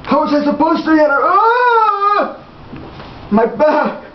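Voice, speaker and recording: A young man faking the voice of a feeble, confused, hard-of-hearing old man with halting, groaning speech on a prank phone call. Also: very high-pitched. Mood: pained, feeble. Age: young adult. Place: small tiled bathroom. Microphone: camera a few feet away. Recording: muffled, roomy, faintly noisy camera recording.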